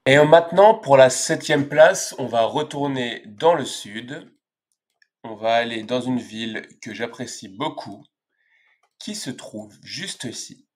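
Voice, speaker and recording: Brief: young Parisian man, French teacher, unhurried delivery, middle pitch, drills each word twice or thrice. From France. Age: 20s. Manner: slow, clear pronunciation drills with repetition. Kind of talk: scripted language lesson.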